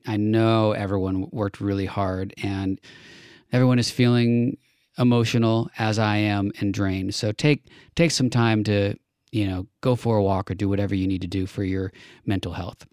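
Male podcast host, low and smooth voice, earnest, unscripted, dry close mic. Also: darkish tone, dry recording. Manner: earnest, with thinking fillers. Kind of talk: casual political chat.

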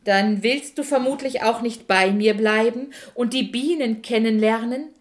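A woman voicing a friendly talking apple tree that talks in a slow, stammering, goofy way. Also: a little high, lightly acted. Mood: playful.

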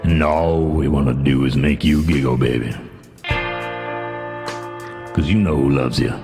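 A man voicing a sultry, seductive crooner in a show's theme song, murmuring slowly and intimately. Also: a bass voice, fairly even intonation. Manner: slow, breathy seductive murmuring over guitar. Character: sultry deep-voiced male crooner, seductive. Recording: theme song with loud guitar music.

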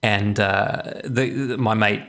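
A man's voice: fairly low pitch, steady tone, takes it slowly, sharp tone. A middle-aged man chatting casually as a podcast co-host, his voice echoing in an unfurnished room. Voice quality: echoey sound. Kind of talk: casual chat. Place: indoors in an empty house with no furniture. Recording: echoey empty unfurnished room.

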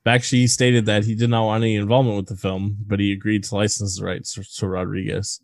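A man's voice: fairly low pitch, little pitch movement, quick pace, vocal fry, dry recording, studio quality. A man co-hosting a casual movie podcast, crude and joking, rambling with fillers. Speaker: podcast co-host.

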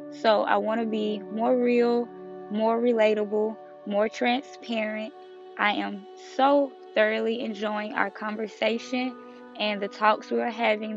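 Woman, podcast host, casual solo talk, creaky voice. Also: mid-range voice, muffled recording.

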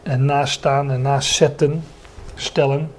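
A man's voice: mid-range voice, little pitch movement, takes it slowly, a little hiss or hum. A man preaching a Bible sermon, often stopping to search for words and restate a phrase, and explaining the meanings of Greek words.

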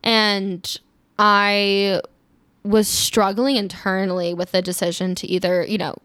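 A woman's voice: mid-range voice, level tone, a little slow, fairly bright tone, smooth, dry recording. Chatty young woman, dry close mic. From Maryland, USA. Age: 20s. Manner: rambling, many fillers and restarts, laughs easily. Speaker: guest telling her life story. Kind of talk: casual podcast chat.

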